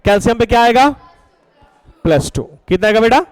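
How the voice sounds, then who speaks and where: A man's voice: extremely high pitch, a little fast, smooth, no room sound, poor audio. A man teaching a chemistry class, coaxing students with questions and repeating their answers. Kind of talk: classroom lecture.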